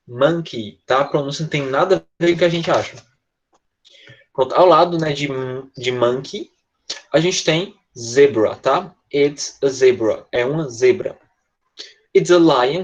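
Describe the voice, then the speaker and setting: A man's voice: mid-range voice, moderate pace. Brazilian man teaching online, dull audio. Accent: Brazilian Portuguese. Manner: patient, repeats tá and né often. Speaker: English teacher. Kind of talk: online class lesson.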